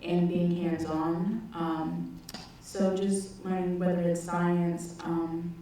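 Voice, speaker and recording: Young woman panelist, lowish voice, hesitant, distant echoey room. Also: level tone, takes it slowly, warm tone, a little hiss or hum. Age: 20s. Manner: hesitant, many fillers. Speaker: panelist, youth leader and arts teacher. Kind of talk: panel discussion. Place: large auditorium stage. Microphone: handheld mic. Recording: echoey hall, from far off.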